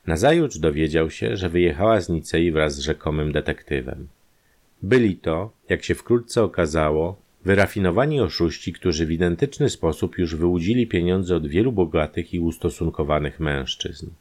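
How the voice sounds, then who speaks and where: A man in calm, measured scripted narration of a crime story. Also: sits low.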